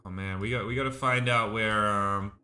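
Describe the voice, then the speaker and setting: A young man chatting excitably while commentating his own gameplay, laughing often. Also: fairly low pitch, normal speed, soft background music. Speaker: gaming streamer.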